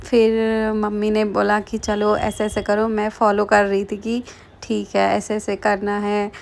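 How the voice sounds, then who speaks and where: A woman's voice: mid-range voice, completely flat delivery, unhurried, vocal fry. A young woman from the Kumaon hills, chatting casually through her vlog narration with lots of fillers. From Kumaon, Uttarakhand. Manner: chatty, frequent fillers, laughs while telling. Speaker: vlogger.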